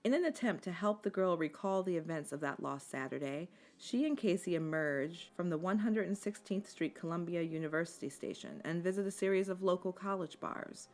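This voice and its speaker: A woman giving scripted documentary narration in a measured, articulate storytelling manner. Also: fairly low pitch, expressive. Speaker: video essay narrator. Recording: music bed under the voice. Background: instrumental music.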